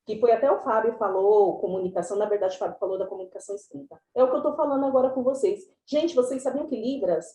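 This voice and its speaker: A woman presents a class online, chatty and explanatory. Her voice sits fairly high with a mellow, soft tone. The video call picks up a roomy echo. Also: fast talker, few pauses. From São Paulo, Brazil. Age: 30s.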